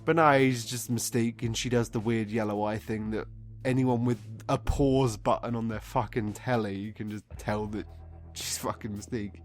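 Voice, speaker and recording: A man's voice: on the low side, fairly even intonation, normal speed, faint music behind. A drunk man giving a casual, comedic film review, rambling off script, exasperated and swearing often. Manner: drunk, getting drunker, rambling and losing his thread.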